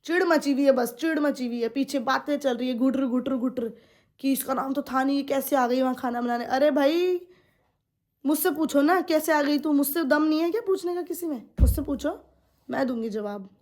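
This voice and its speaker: A young woman with a high voice talks straight to her viewers in a casual vlog. She vents with indignation and circles back over the same points. Her tone stays direct and aggrieved throughout. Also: moderate pace, darkish tone. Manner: indignant, repeats herself, addresses viewers directly. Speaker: vlogger. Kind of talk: casual venting monologue to viewers.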